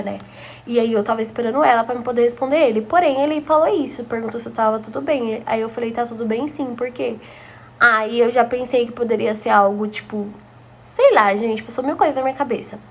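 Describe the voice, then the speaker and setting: A woman's voice: a little high, slight background noise. A young woman from Brazil telling a personal story to her viewers in a chatty, gossipy way. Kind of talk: casual storytime narration.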